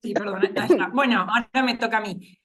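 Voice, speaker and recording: A woman speech therapist presenting in an online talk, halting and thinking aloud as she goes. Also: medium pitch, a bit bright. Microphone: video call.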